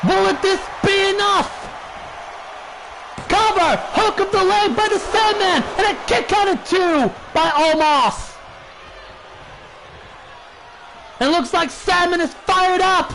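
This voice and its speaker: A man giving excited, dramatic play-by-play as a wrestling commentator, shouting his calls. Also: very high voice, measured pace. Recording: loud noisy crowd behind the voice. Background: roaring crowd noise.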